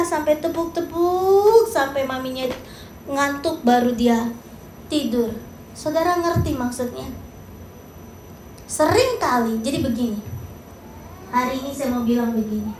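A woman pastor preaching a sermon in an animated way, acting out quotes and asking the congregation questions. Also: high voice, a little slow, pauses often, heavy reverb, slight background noise, poor audio.

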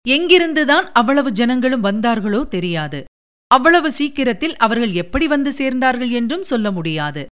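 A woman reading a historical novel aloud as an expressive audiobook narrator. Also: a little high, normal speed, smooth.

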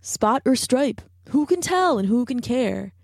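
A woman voicing a kind young male warthog in a storybook, earnest and gentle. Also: fairly high pitch, expressive, a little slow, creaky, no room sound, studio quality, pitched above the performer's own voice, exaggerated voice.

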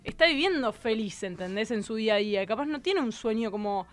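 A woman's voice: on the high side, lively intonation, fairly quick. A Rioplatense woman with a slightly raised voice makes her point in a loose, rambling way. Filler words pile up as she thinks aloud on a casual radio panel. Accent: Rioplatense Spanish.

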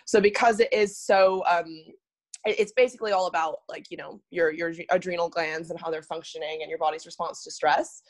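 Guest spot: young woman from Singapore, lowish voice, thoughtful, chatty. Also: fairly even intonation, brisk. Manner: thoughtful, many fillers and restarts. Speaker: podcast guest. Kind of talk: casual podcast chat.

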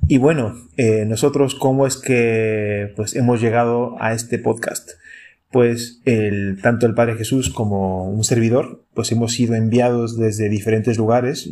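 A man's voice: fairly low pitch, dark tone. A man in his thirties from Chile with a Chilean Spanish accent, a priest hosting a podcast and talking reflectively, asking the listener direct questions. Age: 30s. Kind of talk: casual pastoral podcast talk.

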